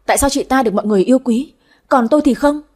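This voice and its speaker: A woman's voice: high voice, rapid-fire, a little mellow, voice pushed up. A woman voicing a spiteful, scheming young wife who shrieks and accuses in a frantic way, in a storybook reading. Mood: bitter.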